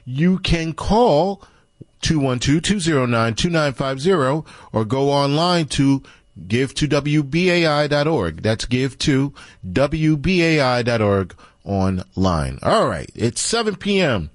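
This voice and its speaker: A man reads live station announcements on the radio. His mid-range voice is animated and very dry. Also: mid-range voice, measured pace, dry recording. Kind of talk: live pledge and programme announcement.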